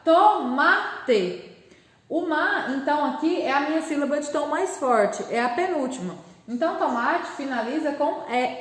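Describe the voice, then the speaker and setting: A Brazilian woman teaching a primary school class, patiently explaining and drawing out syllables slowly. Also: high voice, reverberant. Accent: Brazilian Portuguese. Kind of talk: recorded remote class lesson.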